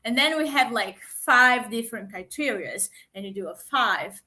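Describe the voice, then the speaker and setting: A woman coaching people on giving pitches, with many fillers and halting restarts, speaking as an over a video call. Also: lively intonation, pushed and bright. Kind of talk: online talk on pitching.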